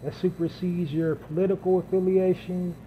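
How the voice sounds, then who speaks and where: A podcast host working alone speaks without a script, stacking up lists and emphatic repetition to make his points. He has a high-pitched voice, a flat delivery and a moderate pace. The recording sounds dull and lo-fi, with a faint hiss.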